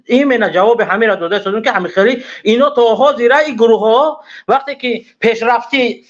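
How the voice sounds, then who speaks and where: A man calling into a talk show who speaks in an agitated, insistent way. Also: high-pitched. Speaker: caller. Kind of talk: phone-in talk. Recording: muffled phone line.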